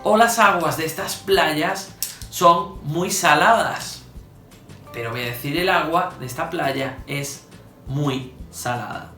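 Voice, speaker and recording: Bright-voiced teacher in an echoey room. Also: male voice, on the high side. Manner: slow, stressed examples with frequent "¿vale?" checks. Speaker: Spanish teacher. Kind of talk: spoken grammar lesson. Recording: echoey room with faint music.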